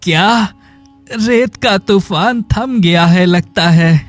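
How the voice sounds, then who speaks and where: In a cartoon story, a man voices a poor, sick hunchback, his high voice dragging slowly with plaintive despair. It's melodramatic Hindi cartoon dialogue with faint music underneath, and he sounds bewildered.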